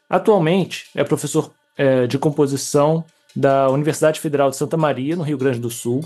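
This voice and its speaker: A man's voice: a little high, dark tone. A man co-hosting an interview over a video call, reading a guest's bio and then asking questions, hesitant and full of fillers. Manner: hesitant, with many fillers and restarts. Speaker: co-host.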